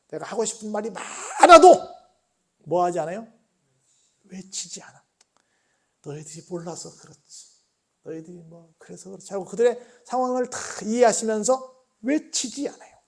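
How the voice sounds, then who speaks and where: A male pastor preaching a midweek church sermon, often asking the congregation questions and swinging between soft, low tones and raised exclamations. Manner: asks the congregation frequent rhetorical questions.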